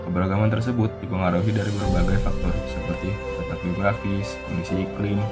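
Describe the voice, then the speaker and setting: Low, flat, fast-reading male narrator. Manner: steady informative reading. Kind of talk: scripted narration. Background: loud music.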